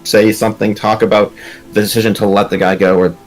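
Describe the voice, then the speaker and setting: A man talking in character during a tabletop game, earnest and halting, with frequent restarts. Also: on the low side, flat delivery, faint music behind. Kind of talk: in-character role-play discussion.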